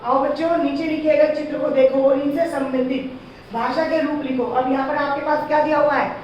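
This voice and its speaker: A woman teacher giving a slow, patient grammar lesson to young children, asking them questions as she explains. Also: sits high, steady tone, slight background noise. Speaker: school teacher. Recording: echoey, distant, dull lo-fi sound.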